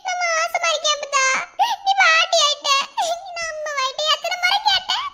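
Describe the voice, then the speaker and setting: A woman's voice: extremely high pitch, expressive, fairly quick, bright, forceful tone, full character voice. A woman voicing a young village wife in a cartoon, speaking Madurai Tamil, emotional and teasing, often tearful. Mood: joyful. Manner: tearful, pleading, laughing through tears. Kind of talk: cartoon voice acting. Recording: noisy recording with clicks.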